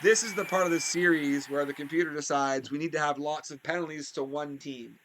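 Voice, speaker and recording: A man giving excited play-by-play commentary on a video game hockey league, his voice jumping up on big plays and drifting into chatty asides. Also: fairly quick, slight background noise. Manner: rises sharply in pitch and volume on big plays, chatty asides.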